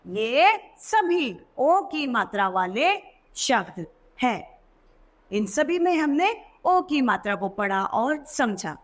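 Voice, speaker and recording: Slow, sing-song woman teacher. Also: on the high side, sing-song. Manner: slow, emphatic, sing-song stress on key words. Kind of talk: children's Hindi lesson narration. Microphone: voice-over.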